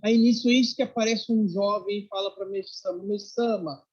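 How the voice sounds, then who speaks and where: A religious lecturer with a mid-range voice tells religious stories in a storytelling sermon at a fairly quick pace. Animated, they act out the voices of the people involved and often add "né?" The recording is dull and lo-fi.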